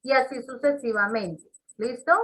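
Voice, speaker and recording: A woman with a voice on the high side teaches an English class over a video call, explaining step by step and checking in with her students. She speaks at a normal speed, and the background is noisy.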